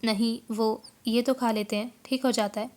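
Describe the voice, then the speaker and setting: Woman reads a shy young wife: quiet, hesitant, slightly high, audiobook dialogue. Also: fairly even intonation, normal speed, close to an everyday voice.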